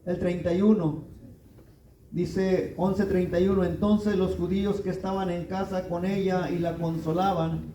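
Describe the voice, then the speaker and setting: A man's voice: high voice, dark tone, roomy sound, distant mic, slight background noise, low-quality recording. A man preaching a sermon in a church, reading scripture and asking rhetorical questions with rising emphasis.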